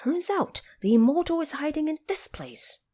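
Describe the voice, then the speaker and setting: A woman voicing an eager, cheeky male monkey in an audio drama, excitable and insistent as he questions. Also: high-pitched, moderate pace, voice pushed up. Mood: excited. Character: eager, cheeky young-sounding male Monkey King seeking immortality.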